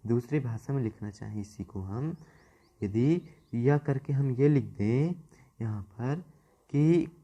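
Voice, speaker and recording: A man's voice: medium pitch, mellow. A man teaching a Hindi grammar class, repeating key terms, stretching words for emphasis and asking questions he then answers himself. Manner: repetitive, asks and answers own questions. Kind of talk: classroom lecture.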